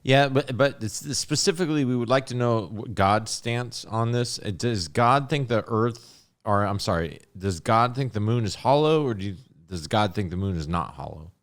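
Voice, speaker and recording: A man with a lower-pitched voice hosting a casual podcast chat. He jokes around in a mock-exasperated, teasing way. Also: lively intonation, normal speed, few pauses. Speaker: podcast host.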